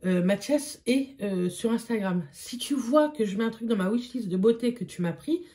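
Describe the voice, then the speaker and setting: A woman's voice: a little high, lively intonation, moderate pace, warm tone. A young woman chatting casually as a beauty vlogger, with frequent fillers and repeated words. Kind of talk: casual vlog chat.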